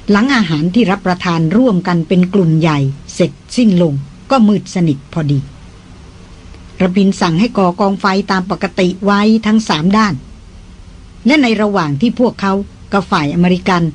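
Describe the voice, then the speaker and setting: A narrator reading a novel aloud in a steady, measured way. The voice is husky and sits at a middle pitch. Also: low-quality recording. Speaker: audiobook narrator. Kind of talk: scripted narration.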